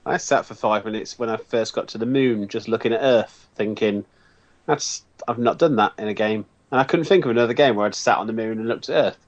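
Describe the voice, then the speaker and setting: A man's voice: lowish voice, fast talker, few pauses, lo-fi sound. A man co-hosting a casual podcast, talking with enthusiastic, nostalgic musing. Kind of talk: casual chat about games.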